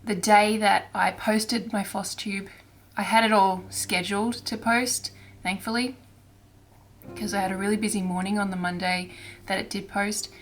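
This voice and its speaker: With soft music in the background, a woman hosting her cross-stitch vlog chats in a mid-range voice with fairly even intonation. Her throat is irritated, so she sounds raspy and hoarse, and she speaks gently, haltingly, restarting often.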